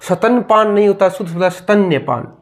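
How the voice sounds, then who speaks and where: A man's voice: sits high, fairly quick. A man teaching a grammar lesson, calling out a word, asking what it is and answering himself over and over. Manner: drills word spellings with repeated questions and answers.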